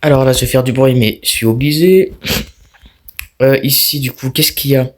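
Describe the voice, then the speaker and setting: A man's voice: medium pitch, fairly even intonation, normal speed. A young man giving casual let's-play commentary on a horror game, talking to himself and his viewers in a jumpy, restless way. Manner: jumpy, talks to himself and viewers while playing. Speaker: gaming YouTuber.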